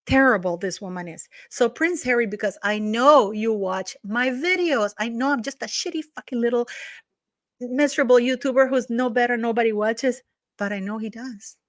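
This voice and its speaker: A woman with a non-native English accent and a slightly high, fairly bright voice rants at normal speed as a YouTube commentator at home. Her casual commentary is scornful, gossipy and emphatic, dropping the occasional curse word. The recording is dry, with clean studio sound.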